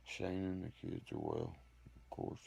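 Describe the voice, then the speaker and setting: Very deep, gravelly man ranting on a livestream. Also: big pitch swings, measured pace, warm tone. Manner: profane, boastful, ranting; reads and answers viewer comments. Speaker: livestream host. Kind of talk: rambling livestream monologue.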